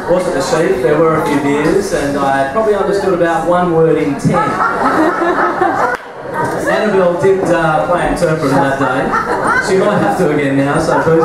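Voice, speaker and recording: A man giving a jokey, informal wedding speech to introduce the next speaker. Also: fairly high pitch. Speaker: bride's relative introducing the groom. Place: large echoey venue at a wedding reception. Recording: very echoey, loud crowd and noise, distant.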